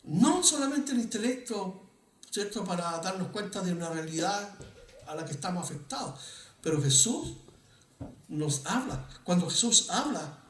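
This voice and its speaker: A man preaches with a high voice, talking with his congregation in an easy, questioning way. His voice rings through an echoey church room, with faint ambience underneath. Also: fairly bright tone, distant mic, a little hiss or hum. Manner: conversational preaching, asks the congregation questions, frequent restarts. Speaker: pastor. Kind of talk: sermon. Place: church hall.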